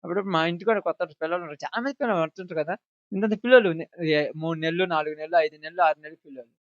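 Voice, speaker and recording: A high-voiced man preaching a sermon, talking straight at his listeners. He swings from loud, pressing points to hushed asides. The recording is dry and a little dull. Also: steady tone, racing, no room sound. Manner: emphatic, swinging loud and soft, addressing listeners directly.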